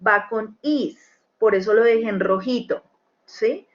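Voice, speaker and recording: A woman's voice: on the high side, measured pace. A woman teaching a beginner English lesson, explaining step by step and checking in with the class after each point. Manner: patient, checks understanding with tag questions. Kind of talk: recorded screen-share lesson. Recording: dull lo-fi with faint noise.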